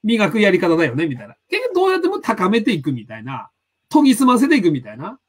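A man's voice: sits high, huge pitch swings, fast talker. A man with a Tsugaru dialect accent, hosting a casual live-stream chat as a lecturer, rambling and hunting for words with lots of fillers. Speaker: host, personality psychology lecturer.

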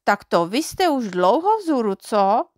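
A woman's voice: on the high side, sing-song, no room sound, studio quality, voice pushed up. A woman voicing a fussy, bossy little girl in a children's storybook reading, chiding and teasing. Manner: chiding, quick to scold and tease.

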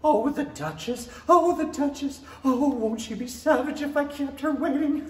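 Frantic, fretting rabbit, played by a woman, 1930s radio drama; high voice, off mic in an echoey room. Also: normal speed, lightly acted. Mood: panicked. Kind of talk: 1930s radio play acting. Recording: echoey stage, distant mic.

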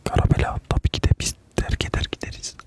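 Young man, quiet night-time whisper, casual ASMR livestream host, close mic, familiar chatty delivery. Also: fast. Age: young adult. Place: small dark indoor room. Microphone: close desk microphone.

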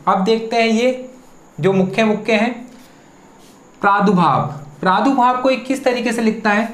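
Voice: medium pitch, moderate pace. Teacher, exam-prep spelling lesson, asks then answers, spells out syllables, echoey room. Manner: rhetorical questions, then the answer.

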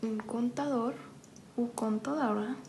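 A woman teacher working through a grammar lesson in a slightly high, gravelly voice. She talks slowly and softly and says every sentence twice, once in Spanish and once in English. A faint hum sits behind her. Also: steady tone, low-quality recording. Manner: slow, careful, soft-spoken delivery.

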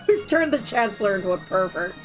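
A woman's voice: medium pitch, animated, normal speed, soft background music. A woman streamer giving casual, joking live commentary on a video game.

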